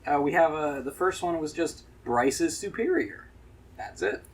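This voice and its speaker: A man's voice: fairly high pitch, lively intonation, a little fast. A man hosting a casual podcast chat, laughing often and tripping over his words in a hotel room. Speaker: podcast host. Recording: noisy, distant room recording.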